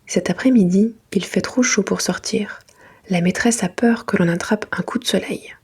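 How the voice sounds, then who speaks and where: A woman reading a children's storybook in a hushed, breathy library whisper, in a soft ASMR style. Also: mid-range voice, moderate pace. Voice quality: breathy, unvoiced.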